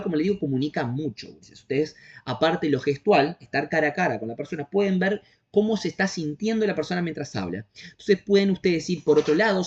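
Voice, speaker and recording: A man's voice: on the high side, a little mellow. A man with a Uruguayan accent teaching an online class, explaining step by step and often checking that his students are following. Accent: Uruguayan Spanish. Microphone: video call. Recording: dull lo-fi video call audio.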